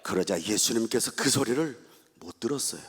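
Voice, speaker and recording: A man's voice: medium pitch, animated, brisk, a little hiss or hum. A male pastor giving a dramatic revival sermon who calls out to the congregation and acts out a blind man's cries. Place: large church hall. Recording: long church hall reverb.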